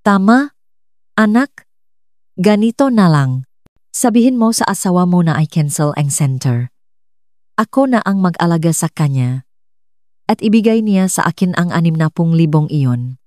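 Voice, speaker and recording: A woman's voice: lowish voice, animated, unhurried, long pauses, a little mellow, dry recording, clean studio sound. A woman voicing a scheming, thrifty mother who coaxes her son in a spoken drama story. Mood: coaxing. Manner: coaxing, scolding. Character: scheming thrifty mother, penny-pinching and pushy.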